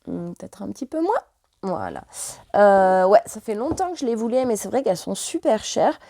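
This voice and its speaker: A French woman talks casually to her viewers, pausing often and filling the gaps with hesitant fillers. Her mid-pitched voice is mellow and has a gravelly edge, recorded close and dry with no room sound. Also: very animated, no echo. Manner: chatty, hesitant with many fillers. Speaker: vlogger. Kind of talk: casual chat.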